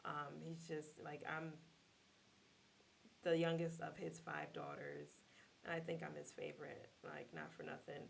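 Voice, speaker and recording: A woman co-hosting a casual podcast, relaxed and laughing easily. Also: deep voice, a little slow, gravelly. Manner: warm-hearted, laughing, relaxed. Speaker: podcast co-host. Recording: faint hiss.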